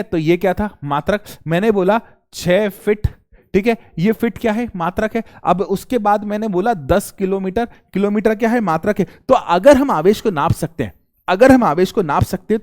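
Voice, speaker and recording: High-voiced joking male physics teacher. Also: a little mellow. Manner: playful, joking, repeats questions to students. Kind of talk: energetic classroom lecture. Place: recording studio.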